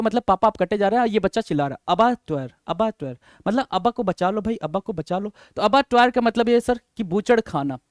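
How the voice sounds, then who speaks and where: A man's voice: sits high, no echo, studio quality. A man teaching English vocabulary in a coaxing, repetitive manner, often calling his learners sir and brother. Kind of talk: vocabulary lesson.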